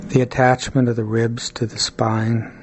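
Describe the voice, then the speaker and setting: A man leading a guided body-scan meditation, speaking calmly and soothingly, with long pauses between short phrases. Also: medium pitch, noisy background.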